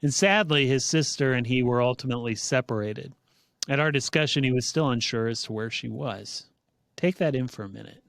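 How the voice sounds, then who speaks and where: Earnest guy hosting a podcast, smooth voice, dry close sound, measured storytelling. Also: mid-range voice, fairly bright tone, no room sound. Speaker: podcast host. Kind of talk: reflective monologue and interview intro.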